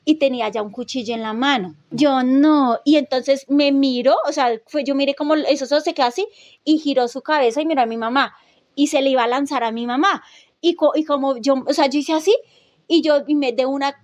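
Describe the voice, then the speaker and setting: A woman with a high, bright-pitched voice tells a chilling personal story in casual podcast chat. She talks in an animated way, restarting sentences and acting out her own reactions. The sound is dry and close to the mic. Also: a little fast, no room sound.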